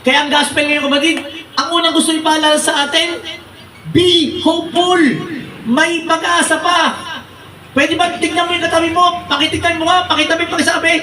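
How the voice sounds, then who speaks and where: A man with a Filipino accent preaching a lively storytelling sermon to a congregation, shouting out the voices in his stories and joking with the listeners. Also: very high voice, fast, echoey room, distant mic, a little hiss or hum. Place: church hall.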